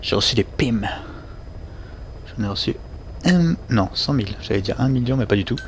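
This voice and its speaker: A man's voice: mid-range voice, animated, moderate pace, slight background noise. A man hosting a let's play, giving chatty, self-mocking gameplay commentary.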